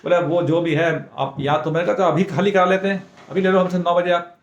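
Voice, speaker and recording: A man's voice: high voice, level tone, brisk, reverberant, highs cut off. A man narrating a casual travel vlog, talking straight to his viewers as he films on a handheld phone. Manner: chatty, addresses viewers directly. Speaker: travel vlogger.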